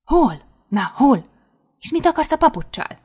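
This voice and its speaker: A woman voicing a nosy, excitable teenage schoolgirl who keeps pressing with questions in an audiobook. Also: sits high, voice pushed up. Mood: prying. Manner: insistent, prying questions. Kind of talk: audiobook character voice.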